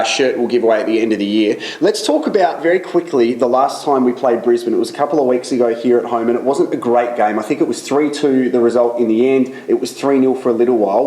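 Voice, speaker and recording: A man's voice: mid-range voice, darkish tone. A man hosting a casual club interview, joking and teasing his guest. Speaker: host. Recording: roomy echo.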